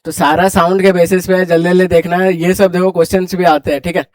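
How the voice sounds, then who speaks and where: Brisk high-voiced male classroom teacher. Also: flat delivery, a little mellow, no room sound. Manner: brisk, quizzing students and urging them to hurry. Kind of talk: classroom grammar lecture.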